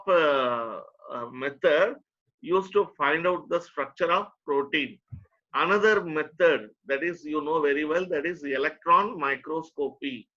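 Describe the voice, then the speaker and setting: A man's voice: on the high side, bright, forceful tone, muffled recording. A man with an Indian accent teaching a lesson step by step, often repeating phrases for emphasis. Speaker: teacher, lecturer. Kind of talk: online lecture to a nursing student.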